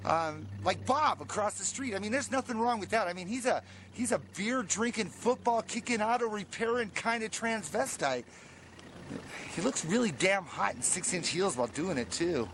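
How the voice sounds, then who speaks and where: A man's voice: high-pitched, lively intonation, normal speed, fairly bright tone, slight background noise. A man delivering a comic confessional monologue, stammering and repeating words in frantic, self-mocking bursts.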